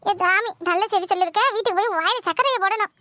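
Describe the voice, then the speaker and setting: A woman's voice: very high voice, quick pace, pushed and bright, dry recording, clean studio sound. A woman voicing a fussy, superstitious older village mother-in-law in a cartoon, with a Tirunelveli Tamil accent and a scolding, fretful way of talking. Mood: fussing. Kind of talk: cartoon voice acting.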